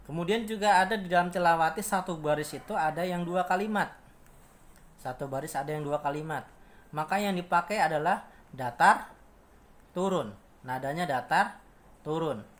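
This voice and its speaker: A man teaching Quran recitation, patiently repeating each point and chanting examples in long drawn-out tones. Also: fairly high pitch. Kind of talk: slow instructional explanation with chanted examples.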